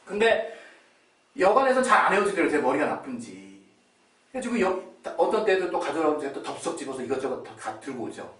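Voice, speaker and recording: Male pastor with a fairly high, lively voice, preaching through stories in a roomy church hall far from the mic. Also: fairly quick. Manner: animated, laughs often, acts out quotes. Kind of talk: sermon with personal storytelling.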